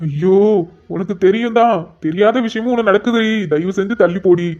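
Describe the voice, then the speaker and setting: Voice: mid-range voice, fairly quick, darkish tone, natural voice. An exasperated young cartoon husband, voiced by a performer, pleading and sighing to himself. The audio is a little dull and lo-fi. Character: flustered young married man, patient and exasperated.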